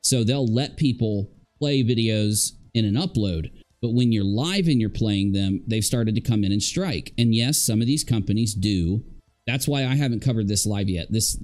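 A man in his thirties hosts a livestream from a room in his home, offering casual live commentary that's sarcastic and emphatic. His voice is medium-pitched with a darkish tone.

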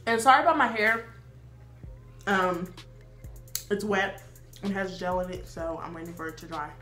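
A woman's voice: lowish voice, normal speed, bright, forceful tone, reverberant, soft background music. A 21-year-old woman chatting casually while eating for a mukbang vlog, with lots of fillers. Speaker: mukbang vlogger.

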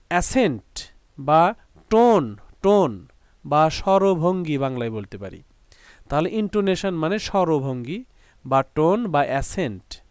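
A man with a Bangladeshi accent teaching an English lesson, patiently repeating each word several ways and slowly reading out example sentences. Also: on the high side, darkish tone, no room sound. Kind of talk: classroom lesson explaining vocabulary.

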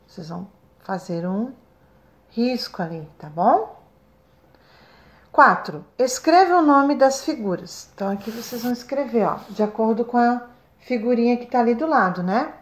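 A woman with a Brazilian Portuguese accent, a first-grade teacher recording a remote lesson, speaking slowly and stretching out syllables for young children. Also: a little high, expressive. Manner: slow, sing-song, stretches syllables for children.

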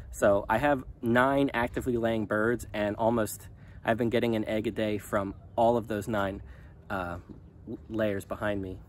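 A man in his thirties talking casually to a handheld phone outdoors in his chicken run, relaxed and rambling with many ums. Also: lowish voice, slight background noise. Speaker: small farm vlogger. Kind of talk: casual vlog talk to camera. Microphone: phone at arm's length.

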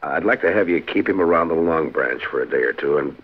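An American actor playing a steady, protective frontier marshal in a 1950s radio western. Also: male voice, rumbling low, brisk, slightly rough. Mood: businesslike. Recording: dull, noisy 1950s radio recording.

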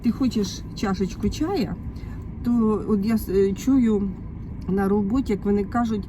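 A woman's voice: mid-range voice, unhurried. A woman from Ukraine vlogging in a chatty, homely way, talking straight to her viewers about groceries and meals, partly from a moving car. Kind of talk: casual chat showing groceries and meals. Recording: loud background noise with car sounds.

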